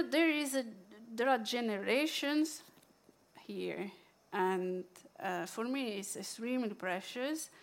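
A woman with an Italian accent shares books and reads a poem aloud. She speaks slowly and hesitantly, with many ums and restarts, at a mid pitch. Her talk is unscripted and personal. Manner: halting, many fillers and restarts. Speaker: book presenter. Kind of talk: casual book sharing with a poetry reading.

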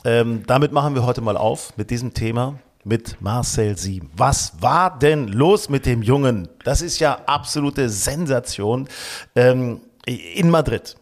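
A man's voice: medium pitch, lively intonation, unhurried. A man hosting a golf podcast, speaking casually and colloquially with enthusiastic emphasis. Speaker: podcast host. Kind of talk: casual sports talk about golf.

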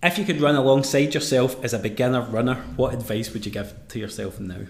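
Bantering Scottish man in an echoey room. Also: medium pitch. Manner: bantering, quick quips. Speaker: podcast host. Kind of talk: live podcast interview. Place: room at a live event. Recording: echoey room, faint noise.

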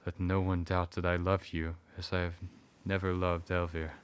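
An actor playing Arthur, a theatrical Victorian gentleman torn between tender devotion and bitter fury at his wife. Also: sits low, unhurried. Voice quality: theatrical, declamatory. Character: Victorian gentleman Arthur, tormented lover turned furious husband. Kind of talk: radio drama acting.

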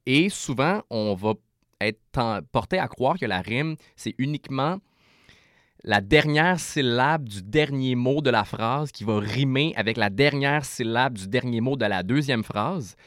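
A man with a Québécois French accent, a rapper guest explaining rhyme in a casual interview, animated and full of restarts. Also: mid-range voice, measured pace, no room sound, studio quality.

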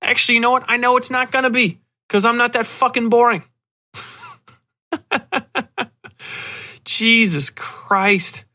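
Speaking at an extremely high pitch, slowly and with long pauses, this man sounds bright and forceful. He's a podcast host giving a loose, rambling horror film review that's profane, blunt and sardonic, full of exasperated asides.

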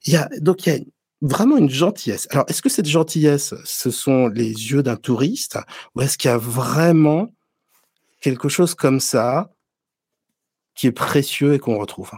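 A man's voice: mid-range voice, expressive, measured pace, a little mellow, husky, dry recording. A French man hosting a casual interview, stammering and repeating words as he starts his thoughts. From France. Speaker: interviewer, host.

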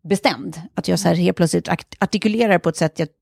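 A woman co-hosting a casual chat, telling a story in an animated way and acting out the quotes. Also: fairly low pitch, vocal fry, slightly rough, no echo, studio quality.

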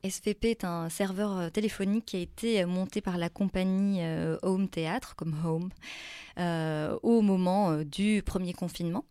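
A woman's voice: fairly low pitch, fairly even intonation, moderate pace, mellow, smooth, no echo. A woman speaking spontaneously as an interview guest, hesitant and often searching for her words.

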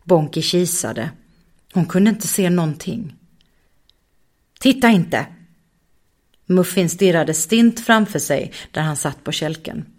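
A woman narrates a children's story at a calm, measured pace. Her voice sits slightly low for a woman. The reading is steady and unhurried.

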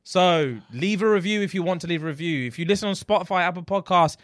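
A man's voice: sits high, fast. A young man with a London accent, hosting a podcast in casual, blunt banter full of roadman slang. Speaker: podcast host. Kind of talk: casual chat.

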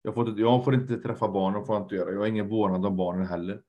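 Low-voiced earnest man, reflective. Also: fairly even intonation, muffled recording. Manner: earnest, reflective, trails off and repeats words. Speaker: podcast guest, lecturer. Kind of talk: candid conversation.

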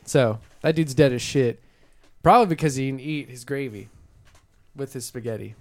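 A laid-back man hosts a tabletop game podcast, joking with his friends in a mid-pitched, ordinary voice. He rambles loosely and leans on "like" as he talks. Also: normal speed, a little mellow. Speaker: podcast host and editor. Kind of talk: casual chat while playing a tabletop game.

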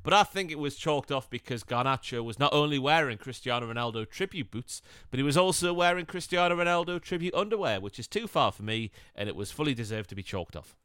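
Bright, crisp-voiced podcast host. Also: male voice, medium pitch, animated, fast talker, hardly any pauses, no echo, clean studio sound. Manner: blunt, swears casually, slips into mocking impressions. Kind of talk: casual football podcast chat.

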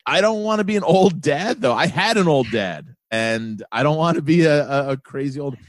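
A man's voice: fairly high pitch, expressive, moderate pace, dry recording. A man of forty, a guest on a podcast, chatting casually in an easygoing, joking, rambling way. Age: 40s. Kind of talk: casual chat.

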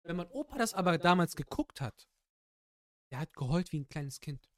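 Higher-voiced man telling stories. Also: moderate pace. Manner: animated storytelling. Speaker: podcast host. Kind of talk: casual chat.

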